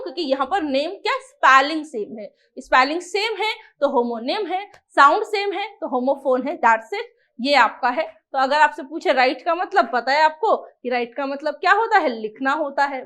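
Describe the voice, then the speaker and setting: Lively high-voiced woman teaching. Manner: lively, asks rhetorical questions and answers them. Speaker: English teacher. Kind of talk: Hindi-English exam coaching lesson.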